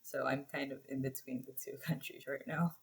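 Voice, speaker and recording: Low-voiced young woman from Nigeria. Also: level tone, moderate pace, slightly rough. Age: young adult. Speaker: undergraduate guest. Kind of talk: casual interview.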